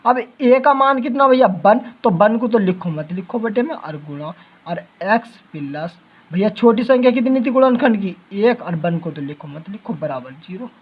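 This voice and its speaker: A man's voice: sits high, lively intonation, normal speed, husky, dull audio. A math teacher, giving a lecture in which he keeps asking his students questions and answering them himself. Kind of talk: classroom-style lecture.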